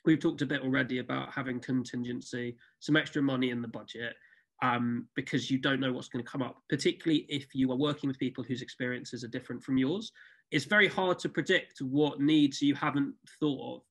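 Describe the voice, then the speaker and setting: Guy on a zoom panel, thoughtful, ums a lot, mid pitch voice. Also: fairly even intonation, a bit bright. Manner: thoughtful, measured with frequent ums. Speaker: theatre producer, panelist. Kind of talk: panel discussion. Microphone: video call.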